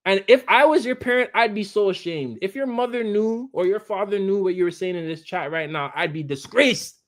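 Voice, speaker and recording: Male streamer, high voice, heated combative rant aimed at chat. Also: a bit bright. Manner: combative, repetitive, talks straight at chat. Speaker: live streamer.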